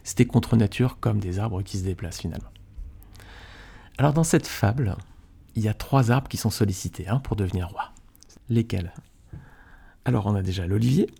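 A man with a mellow, gravelly and slightly husky voice hosts a Bible study podcast. He teaches in a relaxed, conversational way and keeps turning to his listeners with questions and little tags. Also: fairly low pitch. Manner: chatty, asks the listeners questions, often adds "hein".

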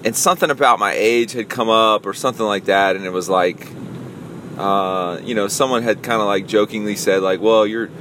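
A man's voice: on the low side, moderate pace, a bit bright, a little hiss or hum. A man in his forties, a podcast host and youth pastor, telling a story in a casual, self-amused solo monologue. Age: 40s.

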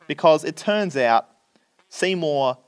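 A man's voice: a little high, slow pace, clean tone, dry recording. A man, chatting on a podcast and retelling a film plot, acting out the characters' lines. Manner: animated storyteller, acts out characters' lines.

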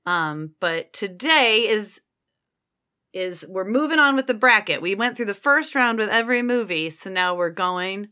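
A woman co-hosting a podcast in casual, informal chat with a bright voice. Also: medium pitch, lively intonation, measured pace, clean tone. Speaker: podcast co-host.

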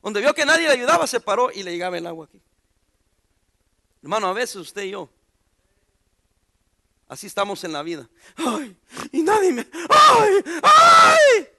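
A very high-pitched man with a gravelly edge and a bright, sharp tone preaches. He keeps the sermon loose and conversational, cracking jokes and tossing questions to the congregation in a church. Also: animated, a little fast, pauses often. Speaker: pastor. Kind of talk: informal sermon.

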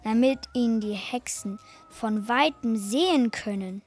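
A woman's voice: fairly high pitch, a little mellow, faint music behind, pitched below the performer's own voice. A woman playing a coaxing storybook hero. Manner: coaxing, quick. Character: clever, friendly male traveler, persuasive.

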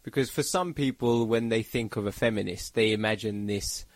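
A man's voice: on the low side, moderate pace, dry recording. A man interviewing a guest on a comedy show, asking mock-naive, teasing questions. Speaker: interviewer, co-host. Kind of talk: deadpan comic interview.

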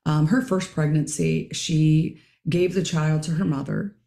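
A middle-aged woman hosting a casual podcast discussion, her raspy voice hoarse as she keeps clearing her throat. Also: low voice, steady tone, measured pace, warm tone, roomy sound. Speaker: podcast host.

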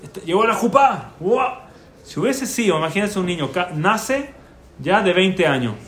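Animated man teaching Torah, echoey room. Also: high voice, moderate pace. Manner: animated storyteller, asks rhetorical questions. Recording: echoey room with faint background noise.

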